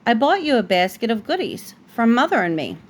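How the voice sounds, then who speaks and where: A woman's voice: on the high side, sing-song, brisk. A woman voicing an innocent, polite little storybook girl with a sweet, wondering manner. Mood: cheerful.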